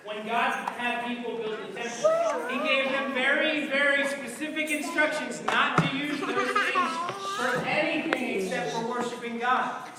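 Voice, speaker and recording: A woman telling a story to children in an animated, dramatic, coaxing way, in a large chapel hall. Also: high-pitched, normal speed. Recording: echoey hall, far from the mic, noisy children.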